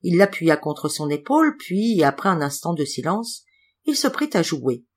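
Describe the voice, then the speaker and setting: Woman audiobook narrator, expressive and dramatic, classic literary tale. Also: fairly low pitch, normal speed. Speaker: audiobook reader.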